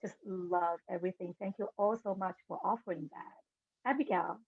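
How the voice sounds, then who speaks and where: A woman's voice: on the low side, fairly even intonation, moderate pace, creaky, slightly rough, no room sound. A woman moderating an author panel over a video call, giving brief, thankful introductions. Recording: dry, phone-like audio.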